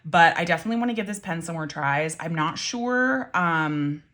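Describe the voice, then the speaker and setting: A woman reviews pens and inks in an offhand vlog, her lowish, expressive voice fairly bright and moderately paced. Rambling and talkative, she's full of ums and self-corrections, with dry asides that slip into mild swearing.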